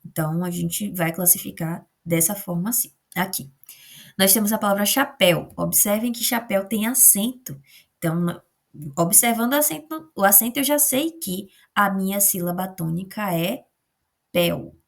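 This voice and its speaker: Woman, Brazilian Portuguese accent, teacher, remote lesson, gravelly voice, patient step-by-step explaining. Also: mid-range voice, normal speed. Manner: patient, step-by-step explaining with frequent tag questions.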